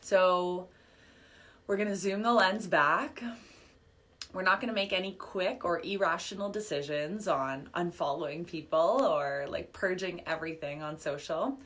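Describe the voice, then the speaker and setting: A woman with a low voice leads a live online workshop as a business coach. She talks in a chatty, upbeat way full of "um" and "like", and her voice is a little worn, as if she is losing it. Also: measured pace, fairly bright tone. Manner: chatty, upbeat, filler-heavy, reading chat comments aloud. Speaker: business coach and podcast host.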